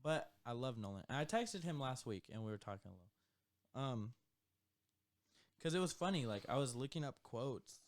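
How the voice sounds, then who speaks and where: A young man co-hosting a podcast, telling stories in a loose, laid-back way with frequent laughter. His voice sits at an average pitch, recorded close and dry with no room sound. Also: very animated, moderate pace, no room sound. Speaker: podcast co-host. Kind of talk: casual chat.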